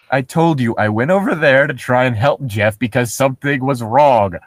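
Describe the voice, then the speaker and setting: A man with a medium-pitched voice co-reads a horror story in a mocking, dramatic fashion, riffing with sarcastic, profane ad-libs and giggling. The recording is clean studio sound with no room sound.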